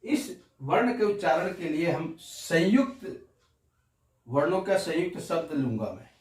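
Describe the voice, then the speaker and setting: A man's voice: fairly high pitch, animated. Man drilling Hindi letters in an echoey room. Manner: slow, deliberate syllable-by-syllable drilling. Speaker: Hindi teacher. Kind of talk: classroom-style pronunciation lesson. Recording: roomy, distant mic.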